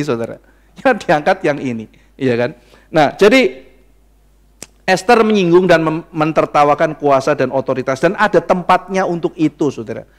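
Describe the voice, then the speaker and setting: Pastor guy, chatty sermon, voice jumps all over, bit high, acts out little dialogues. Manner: lively, acts out quoted dialogue with shifting voices; conversational, addresses the congregation as saudara.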